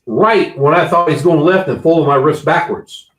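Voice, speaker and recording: Guy telling a story matter of fact, kinda high voice, roomy echo. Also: expressive, normal speed, a crowd in the background. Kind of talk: casual chat.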